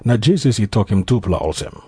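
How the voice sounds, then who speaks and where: A man's voice: on the low side, sing-song, brisk, darkish tone, husky, no echo, clean studio sound. A Papua New Guinean man narrating scripture in Papua New Guinea pidgin, as a scripted dramatized Bible reading. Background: music behind the voice.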